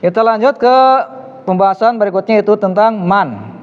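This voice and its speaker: High-voiced man teaching Arabic. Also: normal speed. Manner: encouraging, praises answers often. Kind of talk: classroom Arabic lesson. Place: mosque classroom. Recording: dull reverberant room recording.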